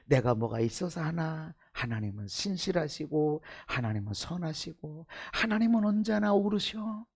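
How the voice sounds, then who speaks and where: A middle-aged man preaching a sermon as pastor, firing rhetorical questions at the congregation and swinging from hushed, intimate asides to shouted fervor. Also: on the high side, very animated, normal speed, creaky, breathy edge. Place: church sanctuary.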